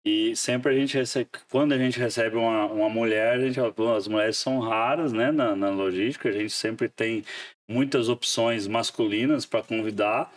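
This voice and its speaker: A man's voice: medium pitch, normal speed. Chatty jokey male podcast host, slightly distant mic. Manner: jokey, chatty, frequent laughs and restarts. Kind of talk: casual interview chat.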